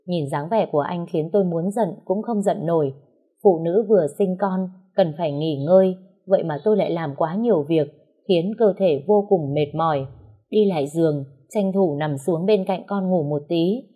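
A woman telling a first-person story in a steady, measured narration. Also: lowish voice, breathy edge.

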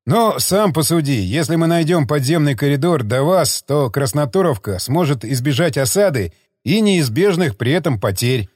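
A man's voice: on the high side, lively intonation, moderate pace, darkish tone, dry recording, studio quality. A man narrating an audiobook voices a stern, stubborn sergeant who speaks in a clipped, guarded way. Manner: stern, hissing when angered.

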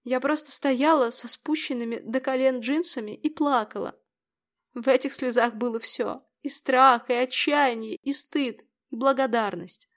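Higher-voiced woman narrating a tense story. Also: fairly even intonation, unhurried, fairly bright tone. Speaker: audiobook narrator. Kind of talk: first-person audiobook narration.

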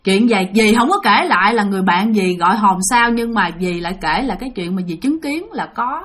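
A woman's voice: medium pitch, expressive, fairly quick, a bit bright. A woman telling a ghost story in a rambling, filler-heavy way, speaking directly to her listeners. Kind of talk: spoken ghost story narration.

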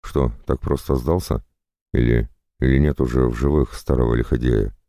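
A man's voice: a bass voice, fairly even intonation, moderate pace, creaky, mellow, no room sound, clean studio sound. A man narrating an audiobook with wry, conversational asides.

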